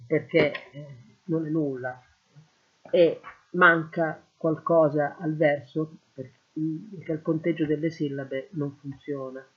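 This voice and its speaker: A man teaching a lesson, slowly translating Greek verse word by word into Italian. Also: on the high side, fairly even intonation. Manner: slow, deliberate, translating word by word. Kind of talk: lecture on Greek poetry. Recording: phone-like lo-fi audio.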